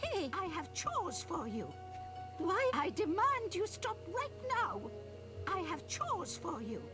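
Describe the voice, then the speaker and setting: A shrill, very high old granny in a video game, scolding and bossy. She drawls her words slowly and her voice swoops all over. Game music plays behind her. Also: wildly swooping pitch, full character voice. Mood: demanding. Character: fussy old grandmother, demanding and shrill.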